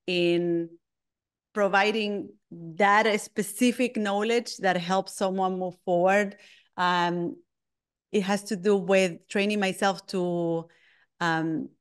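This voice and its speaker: Thoughtful Argentine woman with a smooth voice. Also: medium pitch. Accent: Argentine Spanish. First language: Spanish. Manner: thoughtful, frequent restarts and ums. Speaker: guest, lettering artist. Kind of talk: reflective interview answers.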